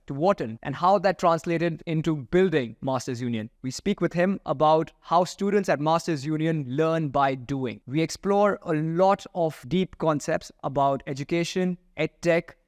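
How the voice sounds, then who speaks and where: Higher-voiced Indian-accented male podcast host. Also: no room sound, studio quality. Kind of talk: podcast hosting and interviewing.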